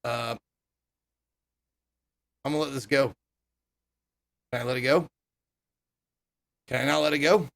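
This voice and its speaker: A man's voice: mid-range voice, fairly even intonation, a little slow, vocal fry, pauses often, a bit bright. A man giving casual, irreverent commentary over a game, swearing freely. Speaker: gaming streamer.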